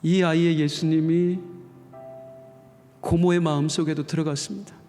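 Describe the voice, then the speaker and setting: A man preaching a sermon as pastor, telling a story with emotion and voicing the characters with sudden loud outbursts, in a church sanctuary. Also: fairly high pitch, flat delivery, normal speed, soft background music. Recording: long reverb of a church hall.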